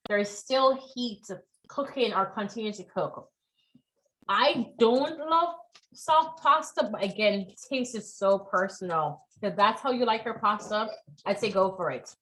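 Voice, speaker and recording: A woman's voice: mid-range voice, a bit bright, low-quality recording. A woman leading a live online cooking class, chatty and encouraging, often checking in with her students.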